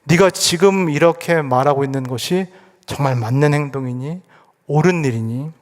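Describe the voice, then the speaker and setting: A male pastor voicing God as a calm figure who gently questions and reasons, in a reverberant church hall. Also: a little high, normal speed, lightly acted. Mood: gentle rebuke.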